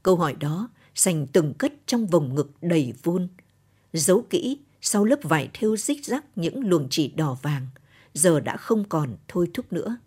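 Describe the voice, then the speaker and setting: A woman narrating a literary short story for radio in a measured, solemn reading. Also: on the low side, big pitch swings, warm tone, husky.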